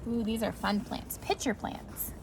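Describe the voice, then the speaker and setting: In a clearly noisy amateur clip, a woman with a slightly high voice reads a rhyming picture book aloud to preschoolers. She goes a little slowly, keeping a sing-song lilt for the young kids and slipping in brief asides.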